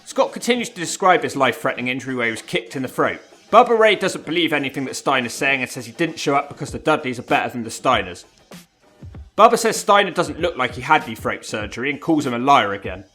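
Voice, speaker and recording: A man's voice: medium pitch, expressive, fast talker, pushed and bright. A man narrating a scripted countdown commentary in a wry, informal and emphatic way. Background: background music.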